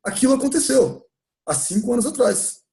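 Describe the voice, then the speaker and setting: A man's voice: very high-pitched, expressive, normal speed, vocal fry, dark tone. A man with a Brazilian Portuguese accent teaching an English grammar class in a church classroom, patiently questioning students and repeating points.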